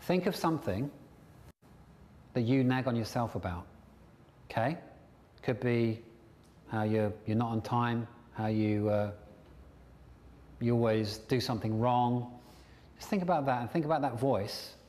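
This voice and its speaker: A man's voice: medium pitch, a little slow, pauses often. Man lecturing in a reverberant hall. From England. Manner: lively, puts on silly voices to make a point. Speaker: NLP trainer. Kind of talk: seminar talk to an audience.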